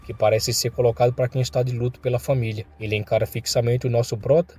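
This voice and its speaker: Brazilian male recap narrator, mellow, mid-pitched voice; acts out the lines with bursts of pitch. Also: level tone, quick pace, slightly rough. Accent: Brazilian Portuguese. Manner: voices thug dialogue with rising pitch and force.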